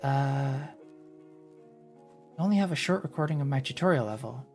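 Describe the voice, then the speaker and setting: Low-voiced chatty woman streamer. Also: lively intonation, normal speed, a little mellow. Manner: chatty, rambling, thinks aloud with fillers. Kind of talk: casual live-stream chat. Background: faint background music.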